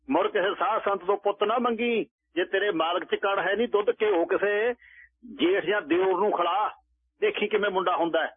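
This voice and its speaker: A cocky, drunken old holy man, voiced by a man taunts and insults everyone in a high, husky voice. His talk is bold and mocking. It comes over a thin, phone-like radio line. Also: no echo.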